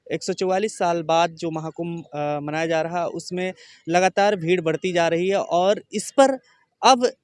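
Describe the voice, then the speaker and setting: A man reporting and asking interview questions, brisk with a few hesitant fillers. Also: a little high, no echo. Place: outdoors near a courthouse.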